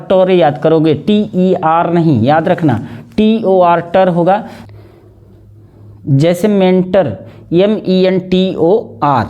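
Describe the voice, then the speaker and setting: A man with a Hindi accent teaching English spelling, slowly repeating each word and spelling it out letter by letter. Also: high voice, dark tone, highs cut off. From India. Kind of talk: spelling lesson, explaining word by word.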